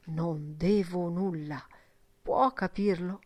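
A woman's voice: lowish voice, slow, darkish tone, no echo. A woman voicing a stern, self-satisfied old male schoolmaster who lectures solemnly in an audiobook. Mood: lecturing.

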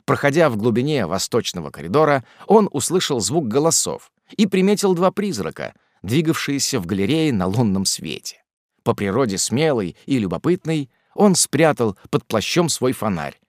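A male narrator reads a classic novel with theatrical expression and a lively, wide-ranging pitch. The recording is dry and close-miked, with no room sound. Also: no echo. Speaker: audiobook narrator. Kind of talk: scripted narration.

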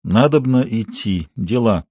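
A man's voice: mid-range voice, animated, measured pace, a little mellow, husky, no echo. A reserved, ironic detective of middle years, read by a male narrator, speaking in short, understated remarks. His tone is sour and restrained, close and dry with no room sound. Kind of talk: audiobook character voice.

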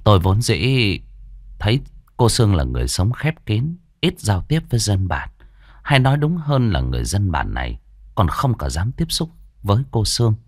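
A man's voice: fairly low pitch, wildly swooping pitch, normal speed, dry recording, clean studio sound. A man narrating a first-person horror story for an audiobook, drawing out the eerie passages with dramatic delivery.

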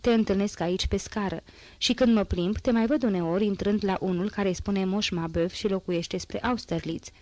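A woman voicing a poor teenage girl with a hoarse, strained voice, chatty and boastful yet anxious, in a dry audiobook reading. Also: mid-range voice, steady tone, darkish tone, no room sound, lightly acted. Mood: eager.

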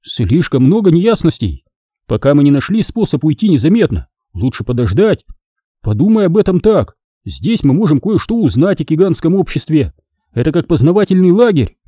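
A man voicing a calm, cautious teenage Jedi apprentice in an audiobook, speaking in a measured, gently reasoning way. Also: on the high side, no echo, studio quality, voice pushed up.

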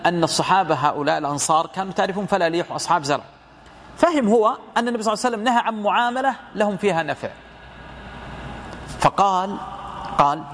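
A man's voice: high voice, animated, rapid-fire, pauses often, a bit bright, a little hiss or hum. A man giving a lecture commentary on hadith as a religious teacher, explaining through rhetorical questions and retold dialogue.

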